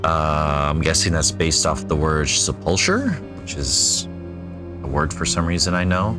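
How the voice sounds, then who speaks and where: In a very deep voice with lively intonation, a young gaming channel host commentates unhurriedly on a retro role-playing game as music plays in the background. It's a casual let's play, with him reading game text and tossing in wry remarks while he muses aloud.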